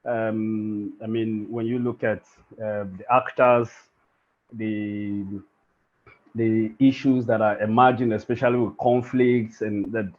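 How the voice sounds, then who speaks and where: A man speaking as a panelist in a webinar, halting and often rephrasing as he goes. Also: on the low side. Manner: halting, circling back to rephrase. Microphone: video call. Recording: lo-fi call audio.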